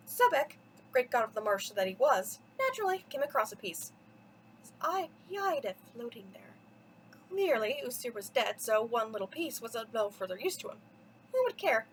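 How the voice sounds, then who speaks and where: Her high, slightly bright voice carries a children's mythology tale told with theatrical drama, the way a storyteller might read at bedtime. There's a little background noise and the recording quality is poor.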